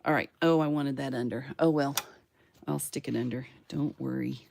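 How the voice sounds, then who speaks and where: A woman's voice: a bass voice, steady tone, normal speed, gravelly, a little mellow, a little hiss or hum. A woman hosting a casual crafting tutorial, chatting to herself and her viewers as she works, with playful sound words and little self-cheers. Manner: chatty, talks to herself while working. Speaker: craft channel host.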